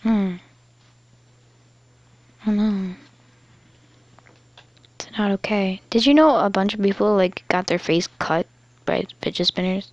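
A woman chatting playfully on camera at home, talking to her viewers in quick asides. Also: medium pitch, dry recording, highs cut off. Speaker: vlogger. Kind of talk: casual chat on camera.

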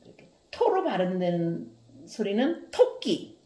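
A woman teaching children to read in a slow, clear phonics lesson, drawing out each carefully sounded syllable with a sing-song lilt. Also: medium pitch, very animated, mellow, echoey room. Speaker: Korean language teacher.

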